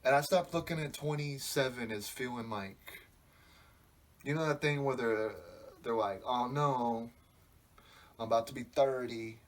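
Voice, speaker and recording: On his podcast, a man in his twenties delivers a casual monologue, rambling and reflective, swearing freely. His mid-range voice is unhurried.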